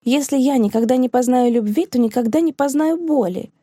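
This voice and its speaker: A woman's voice: fairly high pitch, lively intonation, normal speed, breathy edge, dry recording, studio quality, voice pushed up. A woman voicing a fiery, indignant young woman. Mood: bitter, indignant. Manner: bitter, sharp outbursts. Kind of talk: audiobook dialogue reading.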